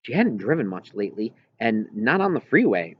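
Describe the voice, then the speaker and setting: A man with a voice on the low side reads a first-person audiobook story at normal speed, his pitch swinging widely. It is scripted narration captured in a muffled, clearly noisy home recording.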